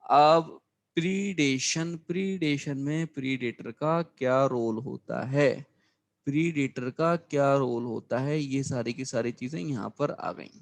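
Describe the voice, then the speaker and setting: A man teaching a biology lesson for exam preparation, going over his class notes, repeating key terms and asking students if it is clear. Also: mid-range voice, takes it slowly. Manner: addresses students as children, frequent reminders to remember.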